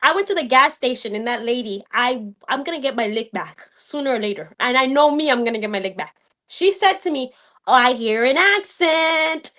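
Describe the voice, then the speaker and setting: A woman's voice: on the high side, animated, brisk, a bit bright. A young adult woman from the United States, a guest in a casual live-stream chat, talking animatedly and switching between Haitian Creole and English.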